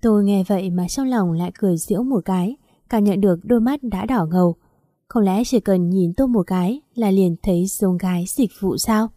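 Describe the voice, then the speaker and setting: A woman reading a first-person story aloud in a steady, even storytelling manner. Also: mid-range voice, a little fast, no echo, studio quality. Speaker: story narrator.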